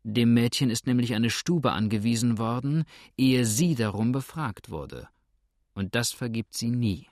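A man voicing a calm, shrewd innkeeper who speaks in a dry, matter-of-fact way. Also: mid-range voice, measured pace, no echo. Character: calm, shrewd male innkeeper, dryly indifferent.

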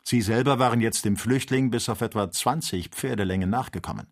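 A male narrator reads a classic adventure novel aloud, steady and measured. His voice sits low, with a husky, somewhat breathy quality. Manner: measured, even storytelling. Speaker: audiobook reader.

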